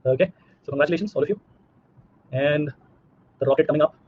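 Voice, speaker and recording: His voice is a little high and quick, with a faint hiss or hum in the background. The speaker, an Indian-accented man in his thirties, runs a live online physics lesson, repeating things and checking comprehension through questions, and the sound is slightly muffled.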